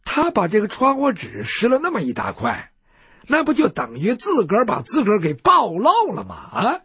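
A man's voice: high-pitched, huge pitch swings, moderate pace, a bit bright, breathy edge, no echo, exaggerated voice. Man doing a shrewd, joking sworn brother. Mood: amused. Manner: chatty, mocking, confiding.

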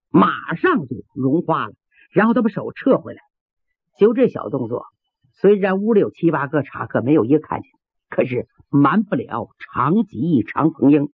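A male storyteller narrates a traditional tale dramatically, full of vivid sound words. His husky voice sits high and swoops widely. The recording is tinny and dry, like a phone line. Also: dry recording. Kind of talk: traditional Chinese oral storytelling.

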